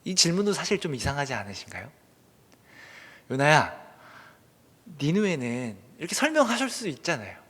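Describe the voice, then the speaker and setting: Male preacher, fairly high voice, emphatic bursts dropping to whispers, rhetorical questions, recorded in a reverberant sanctuary. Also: wildly swooping pitch, rapid-fire, hardly any pauses, slightly rough. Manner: earnest, asks the congregation rhetorical questions; swings between loud emphatic bursts and hushed whispers. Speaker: pastor. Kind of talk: sermon. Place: church sanctuary. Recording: long church hall reverb.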